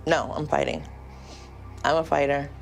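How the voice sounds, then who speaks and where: In a documentary interview, a woman in her forties who is in jail awaiting trial tells her story in a low, gravelly voice full of vocal fry. She is very animated and emotional, halting often with ums. Soft music sits beneath her, and the audio quality is poor.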